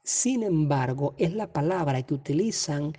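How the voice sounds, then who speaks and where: A Bible teacher giving an explanatory lesson at a measured pace, often hesitating and correcting themselves. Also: medium pitch, expressive, warm tone. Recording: long reverb.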